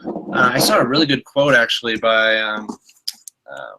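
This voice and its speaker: On a video call, an online marketing coach gives a motivational pep talk in a medium-pitched, pushed and bright voice with big pitch swings at a moderate pace. His stuffed-up nose makes him sound slightly nasal, and he repeats himself and often restarts sentences. The recording is low quality.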